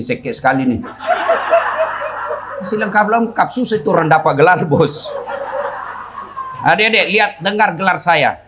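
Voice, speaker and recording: A middle-aged male preacher gives a humorous sermon to a large crowd. His voice sits a touch high for a man and swings widely in pitch. He jokes, acts out characters and shouts his punchlines. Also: background noise. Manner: jokey, plays characters and shouts for laughs. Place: large event before a crowd.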